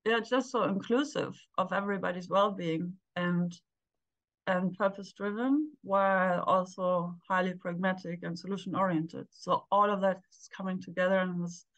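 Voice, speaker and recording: A woman in her forties hosting a casual interview over a video call, gushing and warm, often pausing to search for words. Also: lowish voice, dry recording. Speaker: podcast host. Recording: dry, muffled video call audio.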